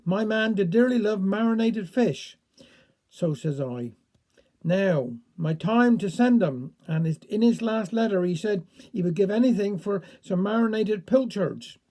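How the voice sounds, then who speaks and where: Man playing a flustered cornish village woman, fussing chatter, high mellow tone. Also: lively intonation, a little slow.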